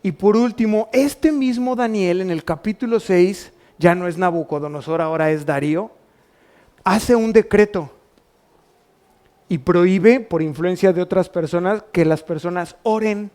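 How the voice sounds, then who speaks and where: A man's voice: high-pitched, measured pace, darkish tone. A man with a Mexican Spanish accent preaching a sermon as pastor, asking the congregation rhetorical questions. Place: church.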